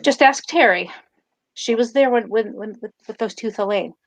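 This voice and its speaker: A woman in a tabletop role-play, narrating her character's actions and speaking as her, with halting restarts and fillers. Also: fairly high pitch, dry recording.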